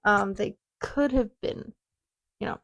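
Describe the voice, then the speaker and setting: A woman's voice: mid-range voice, takes it slowly, fairly bright tone. A woman in her twenties hosting a casual solo podcast, telling a rambling personal story with chatty tangents. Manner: chatty, rambling, self-deprecating with frequent tangents. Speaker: podcast host.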